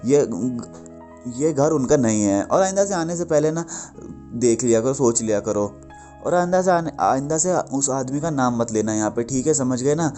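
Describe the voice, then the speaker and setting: A man voicing a feisty, outspoken young woman in a retold TV story, scolding with sharp retorts. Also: medium pitch, lively intonation, moderate pace, faint music behind, natural voice.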